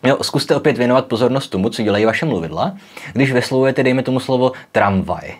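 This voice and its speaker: A man's voice: mid-range voice, husky. A young man hosting a casual popular-science video, explaining in a chatty way with frequent tag questions and demonstrating sounds aloud. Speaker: educational video host.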